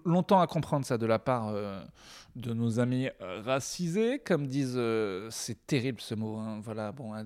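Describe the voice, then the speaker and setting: A hoarse young man rambles through a comic monologue, crude and joking. His pitch sits in an ordinary middle range, and he talks loosely as a vlogger. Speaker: comedy vlogger. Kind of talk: comedic monologue.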